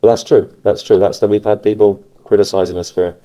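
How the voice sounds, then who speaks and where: A man from Cornwall with a Cornish West Country accent, chatting casually in a halting way and repeating phrases for emphasis. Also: on the low side, steady tone, warm tone. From Cornwall, England. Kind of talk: casual conversation about dialect. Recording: muffled cassette recording.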